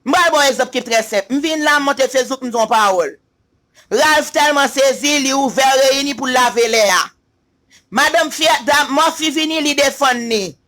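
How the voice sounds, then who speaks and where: A Haitian-accented man holds forth in an emphatic, repetitive online rant. His voice sits very high and sounds bright and sharp. Now and then he chants his points in a sing-song way. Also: moderate pace. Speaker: social media commentator. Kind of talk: opinion rant to camera.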